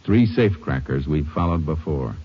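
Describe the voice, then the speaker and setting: An actor playing a steady Texas Ranger detective in a 1950s radio drama, clipped and matter-of-fact. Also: male voice, rumbling low, moderate pace, slightly rough, full character voice. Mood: businesslike. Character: steady, businesslike Texas Ranger detective narrating his case. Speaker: lead actor and narrator. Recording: dull old radio broadcast with music.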